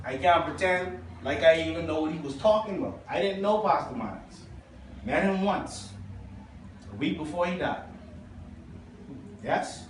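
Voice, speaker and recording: A Bahamian pastor preaching, reading out quotations and checking in with his listeners. His voice sits high. He is heard from far off in a big, echoing church hall with a faint hiss underneath. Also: lively intonation, measured pace, long pauses. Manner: preaching, reading quotations aloud, asking the congregation. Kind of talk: sermon.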